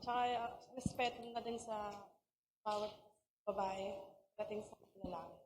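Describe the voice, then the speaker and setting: A woman's voice: medium pitch, steady tone, crowd noise. A woman in the audience giving brief, hesitant answers to a speaker's questions. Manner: hesitant, halting replies. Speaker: audience member. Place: meeting hall. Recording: distant in a reverberant hall.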